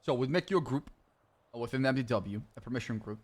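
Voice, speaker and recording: A man's voice: medium pitch, quick pace. A man in a roleplay stream chat, explaining things in a casual, reassuring way as a liaison character.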